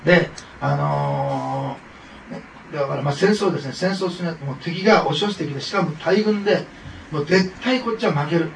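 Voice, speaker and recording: A man's voice: fairly high pitch, normal speed, gravelly, slight background noise. A man preaching a sermon to his congregation in a conversational way, with frequent fillers and asides. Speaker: pastor. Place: church hall. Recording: echoey hall, mic from far off.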